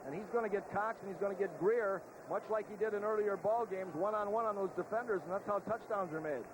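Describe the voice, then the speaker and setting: A man's voice: sits high, fast talker. A man giving conversational, folksy football analysis as a TV colour commentator. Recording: noisy old outdoor stadium broadcast.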